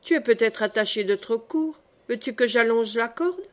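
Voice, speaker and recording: A woman's voice: a little high, expressive, moderate pace, natural voice. A woman voicing a fretful, kindly male goat farmer who talks in anxious, exclaiming and scolding bursts in an audiobook reading. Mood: coaxing.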